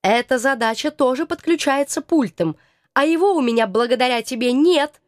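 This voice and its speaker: Huffy nervous scientist guy, boastful, shaky voice, read by a lady in a high dry voice. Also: expressive, moderate pace, no room sound. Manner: shaky, huffy, self-important. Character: jittery runaway male scientist, touchy and boastful. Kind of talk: audiobook character reading.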